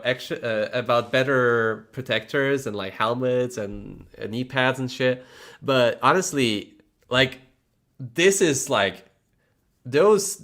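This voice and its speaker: A Polish man, Polish by birth and first language, hosts a casual livestream chat in a mid-range, fairly bright voice. He rambles, restarts his words, and laughs often, staying chatty and frank with some mild swearing.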